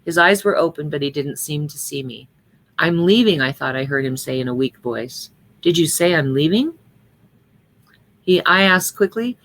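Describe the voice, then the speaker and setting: A woman's voice: sits low, normal speed, a bit bright. A middle-aged woman reading a personal story aloud at a memorial service, with earnest storytelling that lightly acts out the dialogue, then reflecting on it.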